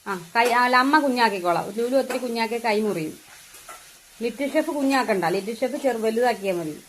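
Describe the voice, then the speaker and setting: A woman with a Kerala Malayalam accent talks in a bright, higher voice, teasing and coaxing a little child through a home cooking session. Kitchen clatter and a faint hiss sit behind her. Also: fast. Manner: playful, coaxing talk to a small child. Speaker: home cook vlogger. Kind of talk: casual family cooking chat.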